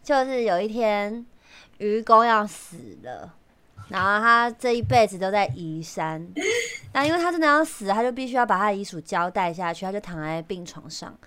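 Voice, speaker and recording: A woman hosting a podcast, telling jokes in casual chat, chatty and quick to laugh. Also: medium pitch, very animated, a bit bright, clean tone. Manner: chatty, laughs often, earnest. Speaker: podcast host. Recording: remote recording, limited quality.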